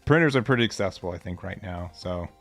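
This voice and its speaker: Gravelly low-voiced man, laid-back commentator. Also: expressive, fast talker, faint music behind. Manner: laid-back, rambling, self-mocking asides. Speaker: tournament stream host and commentator. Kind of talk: casual live tournament commentary.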